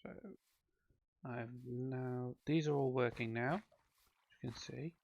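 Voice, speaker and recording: A man's voice: mid-range voice, fairly even intonation, slow pace, a little mellow, lo-fi sound. A man giving casual, rambling commentary on his own gameplay, with frequent ums and self-corrections. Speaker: let's play host.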